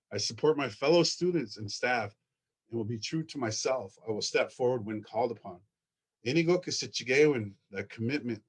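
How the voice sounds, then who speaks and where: Earnest guy walking through slides at a conference, gets excited, stumbles over words. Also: medium pitch. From Ojibwe, from Minnesota. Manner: earnest, excited, repeats words while searching. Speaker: school founder presenting.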